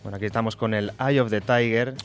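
A man's voice: lowish voice, fairly even intonation, fast, music in the background. A man with a nasal voice and an accent from Spain, chatting casually and jokily as a rambling radio co-host. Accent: Spain Spanish. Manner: jokey, rambling. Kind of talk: casual chat.

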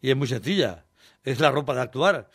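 A man's voice: medium pitch, expressive, brisk, a bit bright, breathy edge, no room sound, clean studio sound. A Spanish man in his sixties from Valencia, a singer telling childhood stories in an interview, rambling and laughing as he acts out voices. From Valencia, Spain.

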